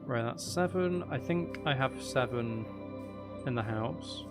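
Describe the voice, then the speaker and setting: Taking it slowly, a gaming streamer with an expressive, medium-pitched voice narrates his live play in a casual, chatty way. He thinks out loud and mutters to himself with mild irritation, with background music running.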